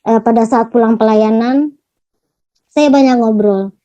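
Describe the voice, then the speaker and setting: A young woman from Gorontalo giving a personal religious testimony, speaking haltingly with many fillers and restarts. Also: a little high, mellow, no echo, muffled recording. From Gorontalo, Indonesia. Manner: addresses listeners as "Saudara". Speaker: testimony giver.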